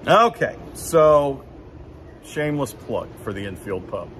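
In an unhurried, sing-song way, a man in his fifties with a mid-range, fairly bright voice hosts a casual postgame recap rinkside in an indoor hockey arena. He rambles with many fillers and restarts, recorded on a phone camera at arm's length with slight background noise.

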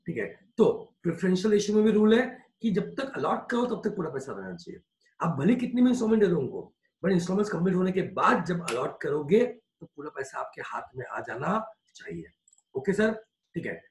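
A man teaching a class in Hindi with plenty of English mixed in, his voice sitting fairly high for a man. He slows down to dictate points word by word and keeps asking whether it is clear. The room around him is echoey. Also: darkish tone. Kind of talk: classroom lecture.

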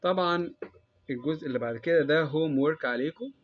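A man with an Egyptian Arabic accent explaining a recorded English lesson for young children, slow and patient, drawing out each English word. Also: on the high side. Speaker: English teacher. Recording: dull lo-fi sound.

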